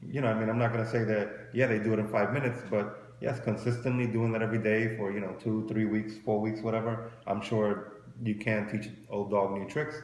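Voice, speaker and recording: This co-host of a marriage advice show is a man in his forties with a fairly low, slightly mellow voice and a flat delivery. He talks a little fast with hardly any pauses, dispensing casual advice and repeatedly rephrasing himself, in a room with echo and faint background noise.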